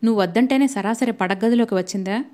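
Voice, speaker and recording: A woman voicing a quick-tempered young husband who scolds sharply and sternly, in a storybook reading. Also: a little high, dark tone, natural voice. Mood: angry.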